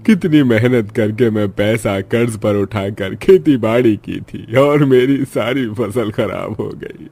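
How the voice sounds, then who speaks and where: A man voicing a despairing farmer in a cartoon story, in a lamenting, drawn-out way of speaking. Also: on the low side, creaky, mellow, breathy edge, full character voice.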